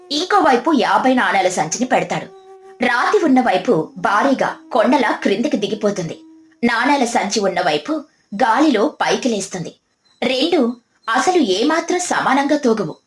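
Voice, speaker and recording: A woman narrating a village story in a dramatic, descriptive way. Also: on the high side. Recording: echoey, faint music behind.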